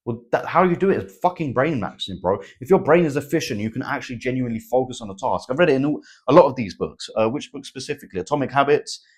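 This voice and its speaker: A man's voice: mid-range voice, expressive, fast, few pauses, a little mellow. A young man, giving a blunt motivational monologue full of swearing and "bro". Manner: blunt, swears a lot, says "bro" and "right?". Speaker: self-improvement vlogger.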